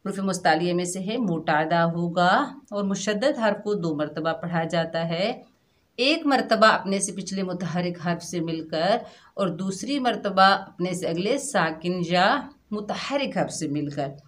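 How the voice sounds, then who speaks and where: Slow patient woman teaching recitation. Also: fairly low pitch, animated. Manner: patient, explains each rule step by step, then draws out drawn-out practice syllables. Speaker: Quran tajweed teacher. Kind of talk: slow children's recitation lesson.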